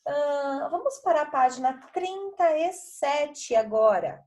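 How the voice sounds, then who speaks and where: A woman's voice: high voice, lively intonation, takes it slowly, darkish tone. Patient chatty woman teacher. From Brazil. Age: middle-aged. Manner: patient, chatty, checks in often with pupils. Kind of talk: video lesson explaining workbook exercises.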